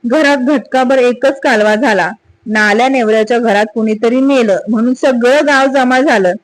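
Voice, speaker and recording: A woman storyteller narrating a story in a steady, measured reading. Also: on the high side, poor audio.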